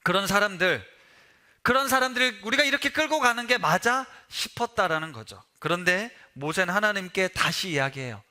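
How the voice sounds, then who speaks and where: A man preaches a sermon in a high, ringing voice with a very bright, forceful edge. He talks with his congregation more than at them and keeps asking them questions. His tone is that of a pastor leading a sermon. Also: expressive, fairly quick.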